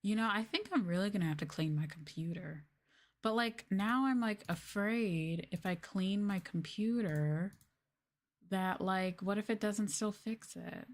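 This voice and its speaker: A woman VTuber livestreamer speaks at a measured pace in a medium-pitched voice. Her soft-spoken chat to viewers is casual, informal and rambling, filled with "like" and "y'all."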